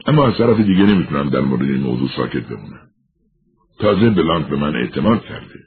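Man doing a cool calm detective, really deep raspy voice, phone-ish sound. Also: full character voice. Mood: measured. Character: cool, level-headed male investigator. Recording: tinny narrow-band recording.

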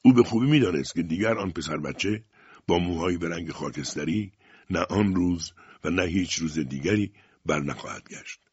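A man reading an audiobook aloud, narrating in a measured, calm manner. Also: low voice, slightly rough, no room sound, muffled recording.

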